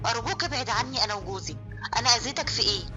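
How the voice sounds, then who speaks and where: A woman's voice: a little high, rapid-fire, muffled recording, music in the background, lightly acted. A woman with an Egyptian accent voicing a frightened young wife who pleads with fearful urgency. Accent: Egyptian Arabic.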